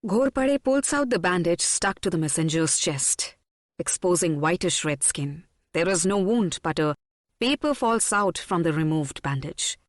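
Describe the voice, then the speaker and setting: A woman narrating a historical audiobook in a measured, dramatic storytelling manner on a close studio mic. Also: fairly low pitch, expressive, no echo. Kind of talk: scripted narration.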